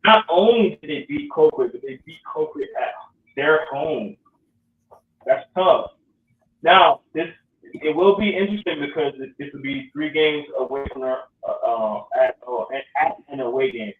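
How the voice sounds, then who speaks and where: On an echoey, distant, phone-like recording, a podcast host rambles loosely through casual sports talk, filling it with ums. His voice sits on the high side, and he takes his time.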